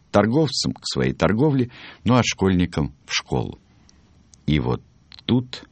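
A man reading a children's book aloud in an animated way, acting out the voices. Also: very deep voice, no echo. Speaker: storyteller.

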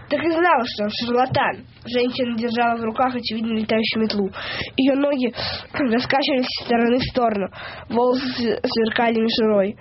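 A woman reading comic short stories aloud on a radio show, with lively expression. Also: high-pitched, lo-fi sound, a little hiss or hum. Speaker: story reader on a radio show. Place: radio studio.

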